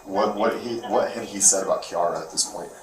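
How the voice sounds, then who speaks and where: A man investigator asking clarifying questions in a halting way, repeating his words. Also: sits low. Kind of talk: police interview questioning. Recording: distant, echoey with faint noise.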